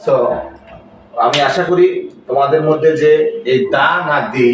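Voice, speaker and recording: A man teaching a spoken English lesson who explains slowly, repeats his points and checks with "clear?". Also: a little high, far from the mic, slight background noise. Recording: very echoey room, voice off-mic.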